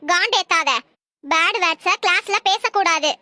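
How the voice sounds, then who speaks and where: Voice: very high voice, normal speed, bright, forceful tone, dry recording, heavily acted. A performer voicing an exasperated female schoolteacher who scolds her cheeky pupils in a comedy cartoon. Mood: scolding. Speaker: teacher.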